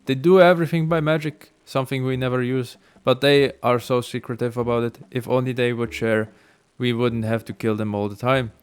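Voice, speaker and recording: A man's voice: mid-range voice, fairly even intonation, a little fast, hardly any pauses, smooth, no echo, lightly acted. A man reading a proud clan chieftain. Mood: solemn.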